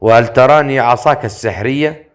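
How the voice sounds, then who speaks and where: A man's voice: medium pitch, brisk, clean tone, natural voice. A man voicing a cunning, grumbling male inventor in an audiobook story, in a sly manner. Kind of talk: audiobook character voice.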